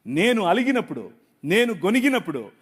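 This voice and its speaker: A man in his forties preaching a sermon from India, dramatic, swinging from hushed tones to loud cries. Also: high voice, big pitch swings, brisk, husky. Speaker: pastor.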